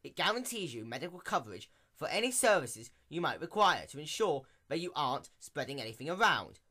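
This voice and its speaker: Storybook mayor mare, played by a man: officious, exasperated, theatrical lecturer, higher register, bright edge. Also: big pitch swings, fairly quick, heavily acted. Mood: stern, disappointed. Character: stern, weary female pony mayor, officious. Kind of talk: dramatic reading of fan fiction.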